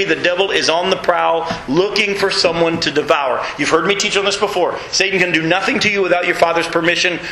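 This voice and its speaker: A middle-aged man preaching a sermon as pastor, animated and reading scripture aloud to his congregation. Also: a little high, echoey room, slight background noise, low-quality recording. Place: church sanctuary with congregation.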